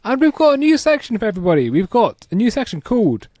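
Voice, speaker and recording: A man's voice: high voice, very animated, fast, darkish tone, no room sound. A man, co-hosting a casual podcast, teasing and reading out news stories. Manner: teasing, laughs often, reads out news headlines. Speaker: podcast co-host. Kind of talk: casual chat.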